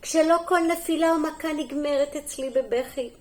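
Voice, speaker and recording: A slight hiss or hum sits under the recording of this middle-aged kindergarten teacher, whose female voice is high. She reads a storybook to small children gently and in a sing-song way, pausing for asides and questions.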